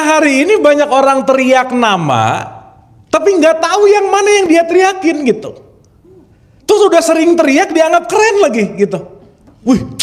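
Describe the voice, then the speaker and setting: A man leads an informal spiritual lecture a high, bouncing voice. He keeps it chatty, quizzes his listeners and laughs easily, a light touch. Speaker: spiritual teacher. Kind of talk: informal religious lecture to an audience.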